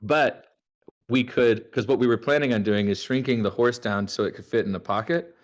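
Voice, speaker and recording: A man's voice: mid-range voice, moderate pace. A man playing in a tabletop game, casually thinking aloud about plans with the group. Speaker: player.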